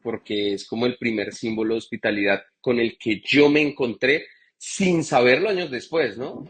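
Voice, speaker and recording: Husky Colombian man telling his story. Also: medium pitch, a bit bright. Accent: Bogotá Colombian Spanish. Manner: chatty, frequent fillers and restarts. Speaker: guest bartender. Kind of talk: live interview storytelling.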